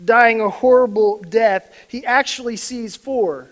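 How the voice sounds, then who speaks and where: Man, high voice, pastor, sermon, emphatic, soft then loud. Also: a little slow, rough recording.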